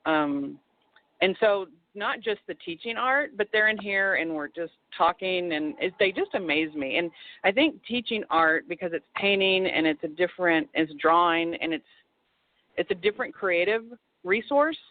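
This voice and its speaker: A woman author from Texas, fairly low-pitched and expressive, talks at a moderate pace as a guest on a casual phone interview. There's no echo, though the line is tinny, and she rambles with many restarts and asides.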